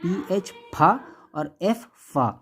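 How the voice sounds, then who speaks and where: A man teaching how to read the Quran, saying each letter sound slowly and more than once, contrasting thin and heavy sounds, and checking in often. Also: sits high, lively intonation, fairly bright tone, soft background music. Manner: patient, repeats each sound, keeps asking "okay?".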